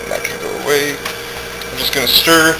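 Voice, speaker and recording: A young adult man hosts a casual cooking show at home, his voice on the high side, gravelly, fairly even and at normal speed. He cracks offhand jokes as he works. Sound is from the camera's mic a few feet away, with home-video noise.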